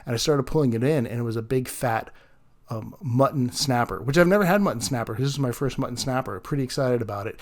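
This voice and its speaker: A man's voice: medium pitch, fast. A man narrating his fishing travel vlog in a casual, chatty way, laughing often between phrases.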